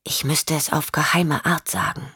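A woman's voice: sits low, fairly even intonation, moderate pace, pushed and bright, slightly rough, studio quality, full character voice. A woman voicing a withdrawn, odd young girl who gives blunt short answers and echoes words, for an audiobook.

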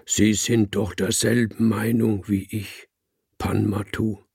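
Male narrator doing a grief-stricken old circus ape, dark and raspy. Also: lowish voice, level tone, takes it slowly, no echo, studio quality, exaggerated voice. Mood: whispering. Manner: despairing, breaks into bellowing.

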